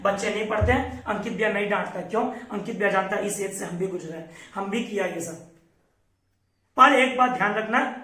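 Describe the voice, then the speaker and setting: A man's voice: high-pitched, pushed and bright, roomy sound, distant mic, low-quality recording. A young man teaching students, giving an earnest, emphatic motivational talk.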